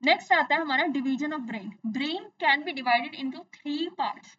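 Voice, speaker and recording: Bright high-voiced woman teaching science. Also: slow pace, distant mic, muffled recording. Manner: explains in Hindi mixed with English, repeats terms, asks and answers own questions. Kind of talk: exam-focused science lesson.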